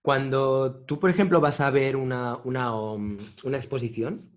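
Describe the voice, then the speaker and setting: A man hosting an interview in a casual, relaxed way, laughing along with his guest and asking follow-up questions. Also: medium pitch, normal speed. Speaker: interviewer, host.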